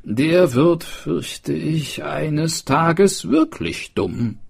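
A man voicing a worried, fussy village schoolmaster who speaks slowly and with a raised voice. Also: a little high, lively intonation, creaky, husky, voice pushed up, heavily acted.

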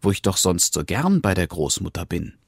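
A man's voice: low voice, sing-song, normal speed, vocal fry, breathy edge, no echo, studio quality, heavily acted. A man voicing an innocent, trusting little girl in a storybook reading, with a naive, questioning manner. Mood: musing.

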